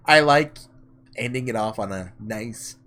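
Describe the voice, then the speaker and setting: A male gaming video host speaks at a measured pace in a medium pitch. Playing casually, he reads visual novel dialogue and thinks aloud in a loose, informal manner.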